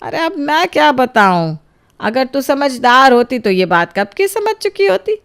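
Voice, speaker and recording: A woman's voice: sits high, very animated, measured pace, fairly bright tone, smooth, heavily acted. A woman voicing a scolding old grandmother who spoils her granddaughter, in a cartoon storybook. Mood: chiding. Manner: indulgent, chiding.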